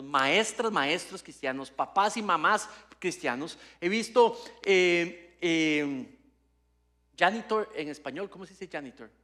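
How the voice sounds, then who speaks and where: A man's voice: high-pitched, bright, forceful tone. A man preaching at a church service as pastor, teaching with rhetorical questions and long lists and building to emphatic passages. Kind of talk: Spanish-language sermon.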